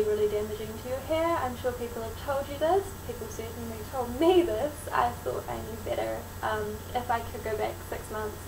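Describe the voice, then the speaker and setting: Casting: female New Zealander, broad Kiwi accent, informal how-to vlogger, recorded echoey and far from the mic with noticeable noise. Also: on the high side. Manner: frank, informal, explanatory. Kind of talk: casual how-to vlog talk. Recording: roomy, distant mic, clearly noisy.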